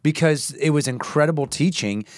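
A man's voice: a little high, moderate pace, no echo. Earnest man in his forties, dry sound. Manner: earnest, warm encouragement with many "yeah"s. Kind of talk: faith-based casual chat.

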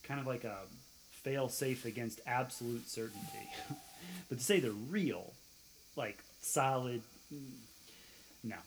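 A man's voice: medium pitch, a little slow, long pauses, a little hiss or hum, close to an everyday voice, low-quality recording. A man playing a musing campfire skeptic. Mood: reflective. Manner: musing, thoughtful, chuckling. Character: young man camping, skeptical prankster. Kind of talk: film drama dialogue.

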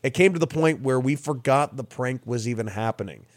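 Lively man telling a funny story. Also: medium pitch, fairly quick, no echo. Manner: lively, laughing storyteller who acts out quotes. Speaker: guest, professional baseball player. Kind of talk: casual storytelling.

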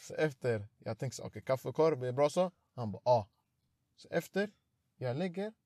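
A young man, telling an animated story in casual slangy chat and acting out the quotes. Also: mid-range voice, no echo, clean studio sound.

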